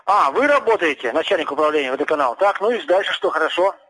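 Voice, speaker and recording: A man's voice: a little high, lively intonation, quick pace, fairly bright tone, breathy edge. A man taking an unexpected landline phone call, impatient and pressing for the point. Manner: impatient, keeps demanding the point. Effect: heard over a landline phone call.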